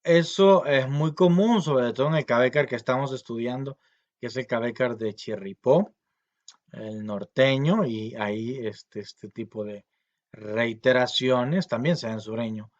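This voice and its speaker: A man giving a recorded grammar lesson, explaining patiently with many fillers and slowly repeating example words. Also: medium pitch, muffled recording. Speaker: language teacher.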